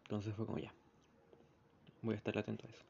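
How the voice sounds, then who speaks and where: A man's voice: fairly low pitch, monotone, fast, vocal fry, a little mellow. A young man with a Chilean Spanish accent, recounting a bus ride in a casual spoken diary and acting out the voices of the people in it. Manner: rambling storyteller, acts out the voices in his anecdotes. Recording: slightly muffled with faint background noise.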